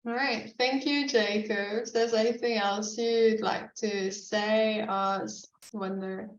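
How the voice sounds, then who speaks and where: A woman hosting and moderating a panel on a video call, brisk with friendly prompts. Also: mid-range voice, fairly even intonation. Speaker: event host. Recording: distant, echoey, muffled, with faint noise.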